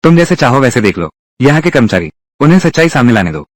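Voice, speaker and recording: Brief: male voice actor as a young heir, commanding, formal delivery, lively pitch, dry close recording. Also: fast talker, no room sound, close to an everyday voice. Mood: firm. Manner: formal, declarative speech. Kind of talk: dubbed drama dialogue.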